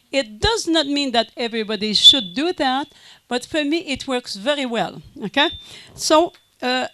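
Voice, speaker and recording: A woman's voice: high-pitched, a bit bright, dry recording. A middle-aged French Canadian woman, a native French speaker, giving a conference talk in a hesitant way, with many fillers and restarts. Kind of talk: conference presentation.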